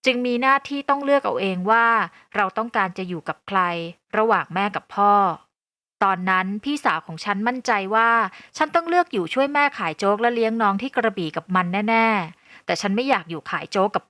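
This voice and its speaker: A woman narrating a first-person audio novel in a calm, even storytelling voice. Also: fairly high pitch, a little fast, dry recording.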